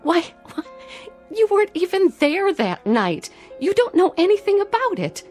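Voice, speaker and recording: A young woman, playing an indignant doctor's wife, protests earnestly in her husband's defense, as in a 1960s TV drama. Her voice is extremely high and a little mellow, with big pitch swings and a normal speed. The audio comes from an old TV soundtrack with faint music underneath.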